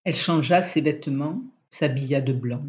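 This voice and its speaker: An audiobook reader narrating a literary novel in a measured, unhurried storytelling manner. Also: medium pitch, muffled recording.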